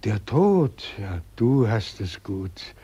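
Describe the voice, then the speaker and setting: An actor playing a weeping old god whom nobody believes in anymore, in a vintage radio play. He sounds gravelly and plaintive. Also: on the low side, big pitch swings, slow pace, mellow, lo-fi sound, exaggerated voice. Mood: bitter, envious. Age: older. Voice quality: gravelly, husky, tearful and plaintive. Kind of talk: 1940s radio acting.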